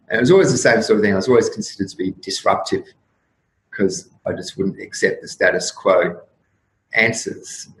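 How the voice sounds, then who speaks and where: A man in his fifties, a guest on an interview show, musing in a rambling, reflective way with frequent restarts and soft laughs. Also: lowish voice. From Australia. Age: 50s. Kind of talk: casual interview talk. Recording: roomy echo with faint room noise.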